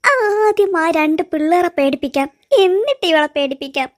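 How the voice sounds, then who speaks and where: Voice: expressive, moderate pace. A performer voicing a scheming cartoon prankster who mutters sly plans to scare the others. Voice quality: lowered, hushed voice.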